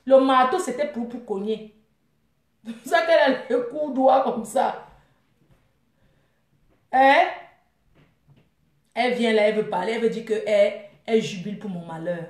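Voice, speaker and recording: In an echoey room, a young female vlogger rants live at a rival, mocking and scornful, laughing often as she taunts. Her voice is fairly high, her speed normal, and she leaves long pauses.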